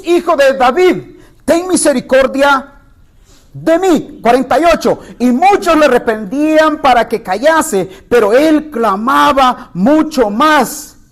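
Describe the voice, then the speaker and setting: High-voiced male pastor teaching scripture. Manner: reads scripture aloud with asides to the listeners; rises in pitch when quoting the blind man's cry. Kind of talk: sermon, Bible study.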